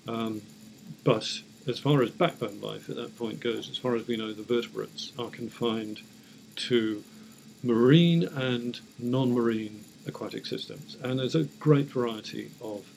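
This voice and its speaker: A man speaking as an academic expert in an interview, explaining off the cuff in measured, hesitant short phrases. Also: mid-range voice, gravelly, a little mellow, a little hiss or hum, rough recording. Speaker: academic paleontologist, interview guest.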